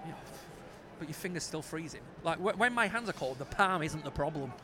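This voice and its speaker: A man's voice: on the high side, animated, a little fast. A man with a Yorkshire accent hosting a football podcast from the stands, bantering casually in a dry, sweary, teasing way into a handheld microphone. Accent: Yorkshire English. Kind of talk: casual banter at a live match. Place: outdoors in cold stands at a match. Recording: noisy outdoor football ground, handheld microphone.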